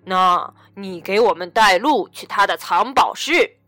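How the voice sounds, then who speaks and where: A woman voicing a greedy, bullying male bandit chief and his bandits in a storybook reading, with loud, gruff shouting. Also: mid-range voice, animated, measured pace, no echo, soft background music. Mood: gruff bossy.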